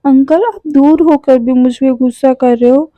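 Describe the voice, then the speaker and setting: A woman's voice: high voice, fairly even intonation, moderate pace, no echo, muffled recording, close to an everyday voice. A woman doing a whiny, pouting young man. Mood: whiny pleading. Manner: whiny, pleading. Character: clingy, pouting young man crying for his uncle. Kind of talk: storytelling voice acting.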